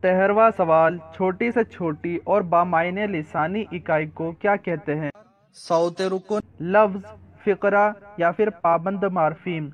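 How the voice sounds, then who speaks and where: A quiz presenter with a high voice reads multiple-choice questions one at a time, lists the options, then gives the correct answer. He sounds even and methodical, like study-guide narration. The audio is slightly dull and lo-fi, lacking crispness up top.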